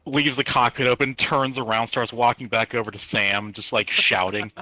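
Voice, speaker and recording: A man playing a tabletop game, explaining his character's moves in a quick, wry way. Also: medium pitch, steady tone, bright, forceful tone, no echo, low-quality recording. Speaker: player.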